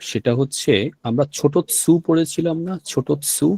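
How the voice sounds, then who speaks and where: A man's voice: a little high, moderate pace, mellow, breathy edge, no room sound. Guy teaching a class, keeps repeating stuff n asking if u got it, dry close sound. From Bangladesh. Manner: patient, repeats words and checks understanding. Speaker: Japanese language teacher. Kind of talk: classroom lesson explaining vocabulary.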